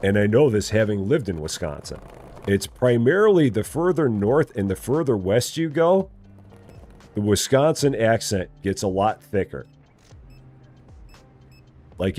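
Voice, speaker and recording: Fairly low-pitched and darkish, the voice belongs to a man streaming a game live. His General American accent points to Illinois in the Midwest. As he plays, the chat stays casual, full of repetition and playful ribbing.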